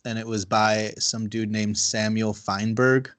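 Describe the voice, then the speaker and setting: A man's voice: lowish voice, little pitch movement, a little slow, a bit bright. A man hosting a podcast over a video call, chatting casually, rambling and swearing. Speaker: podcast host. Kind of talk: casual chat.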